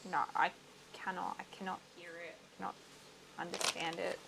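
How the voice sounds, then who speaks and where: A woman's voice: lowish voice, little pitch movement, a little fast, vocal fry, background noise. A young adult woman with an Australian accent, hosting a livestream and chatting casually while she crafts, laughing often. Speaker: livestream host. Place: home crafting setup.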